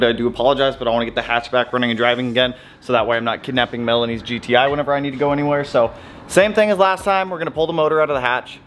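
A man casually narrating his car build, chatty and relaxed, with slangy shop talk and frequent "uh"s, working in a garage. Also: medium pitch, a little hiss or hum.

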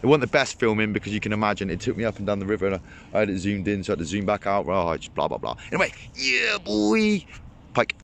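A young man vlogging his fishing trip outdoors beside a ditch, talking excitedly and rambling to a camera set on the bank. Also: fairly low pitch, quick pace, vocal fry, a little hiss or hum. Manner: excitable, rambling, lots of fillers. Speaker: angling vlogger. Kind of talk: casual chat to camera.

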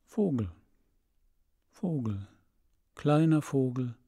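A man voicing a gentle, sorrowful prince statue in an audiobook fairy tale, speaking softly and tenderly. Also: expressive, takes it slowly, breathy edge, exaggerated voice. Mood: gently insistent. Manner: soft, low and tender.

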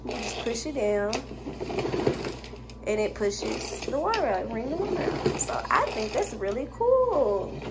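Cleaning indoors in her kitchen, a young adult vlogger films herself on a hand-held phone and chats away to viewers she addresses as "y'all". She sounds very animated and unhurried, her voice on the high side, with heavy background noise.

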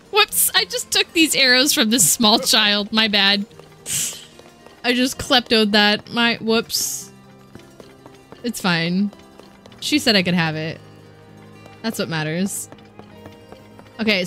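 A woman's voice: fairly high pitch, expressive, slow pace, pauses often, pushed and bright, soft background music. A young woman casually chatting and giggling while streaming a video game, sometimes reading in-game dialogue aloud.

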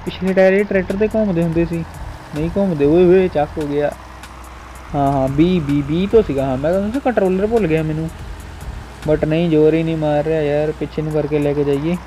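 A man's voice: on the high side, a little fast, mellow, slight background noise. A young man gives casual, bantering gameplay commentary, exclaiming and repeating short phrases. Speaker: gaming video creator. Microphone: voice-over recorded over gameplay. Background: music.

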